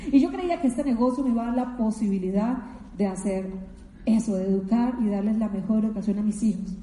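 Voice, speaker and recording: Middle-aged woman from Colombia, motivational speaker, emphatic and emotional, mellow dark tone, echoey hall. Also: fairly high pitch, normal speed. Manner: emotional, emphatic storytelling with repetitions. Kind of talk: motivational talk to an audience. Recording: echoey hall with long reverb.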